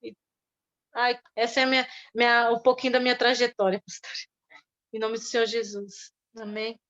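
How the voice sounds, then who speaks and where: A middle-aged woman with a Brazilian Portuguese accent tells her testimony earnestly. Her voice sits fairly high and soft, and she pauses and restarts often. The recording sounds dull and lo-fi. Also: flat delivery. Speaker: church member giving testimony. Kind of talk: emotional personal testimony.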